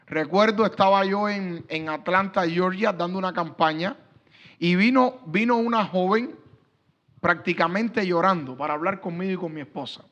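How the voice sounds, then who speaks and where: A middle-aged pastor with a high, bright, ringing voice tells a story to a church panel. He slips into the lines of the people he describes as he goes. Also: normal speed, highs cut off. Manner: acts out quoted dialogue in his stories.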